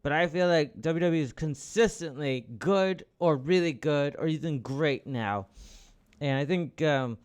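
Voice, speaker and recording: A man hosting a podcast, talking casually about wrestling in a rambling way with restarts, bursting into loud, excited outbursts and the odd swear. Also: a little high, unhurried, smooth. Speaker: podcast host.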